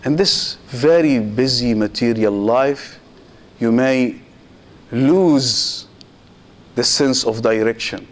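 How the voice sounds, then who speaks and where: In a medium-pitched voice, a sheikh preaches a Muharram sermon in short, measured phrases with pauses. He sprinkles Arabic religious phrases through his English, speaking directly to listeners and asking rhetorical questions.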